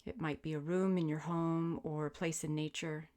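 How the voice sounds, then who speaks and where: A woman with a notably low voice leads a guided sleep meditation as a yoga teacher. She speaks calmly and gently, phrasing each cue as a soft invitation. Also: moderate pace.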